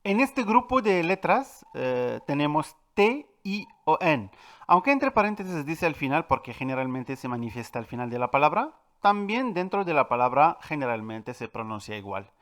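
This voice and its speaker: Lively-voiced man teaching pronunciation. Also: a little high. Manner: clear and patient, repeats example words slowly and with stress; addresses viewers directly, with filler "eh". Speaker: language teacher. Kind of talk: French pronunciation lesson.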